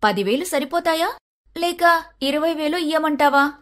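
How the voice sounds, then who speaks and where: A woman voicing a scheming young daughter-in-law in an animated storybook, pert and sharp-tongued. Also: a little high, normal speed, lightly acted. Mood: sugary. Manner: pert, sharp, sometimes sugary.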